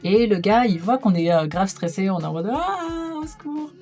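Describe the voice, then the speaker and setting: A woman's voice: on the low side, brisk, warm tone, faint music behind. A young woman telling a casual storytime vlog, chatty and full of hesitation fillers. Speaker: vlogger.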